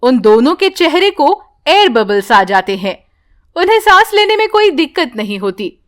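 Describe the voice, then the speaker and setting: A woman narrating an animated bedtime story in a calm, even storytelling manner. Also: high-pitched, normal speed.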